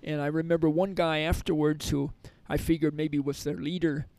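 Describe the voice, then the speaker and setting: A middle-aged man who teaches yoga and meditation in prisons tells long, wandering stories in a conversational interview, restarting sentences and filling gaps with fillers. His gravelly voice sits slightly high, with a level tone, moderate pace and a touch of mellowness. The recording is close and dry, with no room echo.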